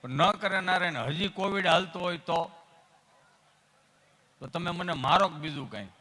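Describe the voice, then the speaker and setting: Bright-voiced stage comedian. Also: male voice, high voice, moderate pace. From Gujarat, India. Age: young adult. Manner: folksy, acts out characters in his stories. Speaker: stand-up comedian at a folk stage show.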